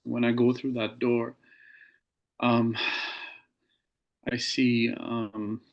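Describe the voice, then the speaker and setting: A man as an interview guest, recounting a personal experience in a measured, earnest way with pauses. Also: medium pitch, completely flat delivery, highs cut off.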